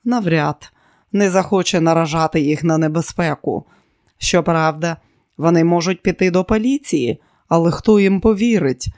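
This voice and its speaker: A man's voice: a little high, normal speed, darkish tone, no room sound, clean studio sound, natural voice. A man doing a smug, domineering schemer. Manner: boastful and commanding. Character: arrogant scheming man, quick to rage.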